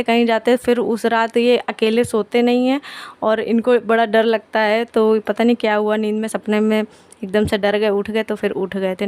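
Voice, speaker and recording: A woman chatting through a family vlog at home, tired from fasting. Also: mid-range voice, a little mellow, smooth. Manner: chatty, homely storytelling. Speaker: vlogger.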